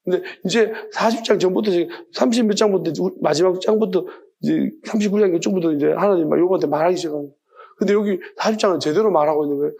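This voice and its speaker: Gravelly, high-voiced animated male preacher. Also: rapid-fire. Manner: animated, conversational, laughs often. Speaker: pastor. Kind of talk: midweek sermon.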